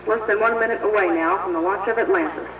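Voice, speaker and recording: A man's voice: high-pitched, quick pace. A man giving launch countdown commentary, heard breaking up over a crackly radio speaker. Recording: distant echoey lo-fi radio playback with hiss.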